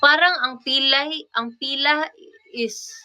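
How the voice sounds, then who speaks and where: A woman's voice: sits high, takes it slowly, bright, forceful tone, faint music behind. A young woman from Cebu with a Cebuano accent, hosting a casual livestream and patiently explaining Bisaya words, often repeating and correcting herself. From Cebu, Philippines. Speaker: livestream host. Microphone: phone or camera mic on a livestream.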